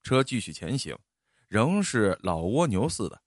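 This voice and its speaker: A man narrating a story in an expressive, animated storytelling style. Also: fairly low pitch, a little slow, no echo, clean studio sound.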